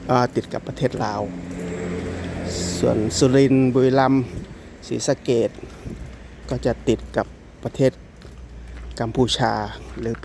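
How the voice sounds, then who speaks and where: A man with an Isan Thai accent talks his way through a casual walking vlog, his voice gravelly with fry. He rambles and restarts his sentences. Loud traffic and street ambience fill the outdoor night recording. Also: mid-range voice, flat delivery, a little slow, pauses often. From Isan, northeastern Thailand. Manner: rambling, with many restarts and fillers. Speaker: vlogger.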